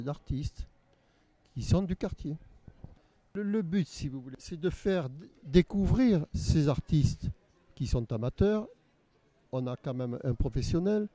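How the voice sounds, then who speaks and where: An older man from Nice, France, who organized a local art exhibition, answers interview questions hesitantly and repeats himself often. His voice is fairly high and warm, with no room sound.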